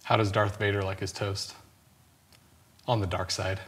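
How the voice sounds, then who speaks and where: A man in his thirties telling short pun jokes conversationally, deadpan as he tries to keep a straight face. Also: fairly low pitch, moderate pace. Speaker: contestant in a joke-telling challenge. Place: indoor studio set.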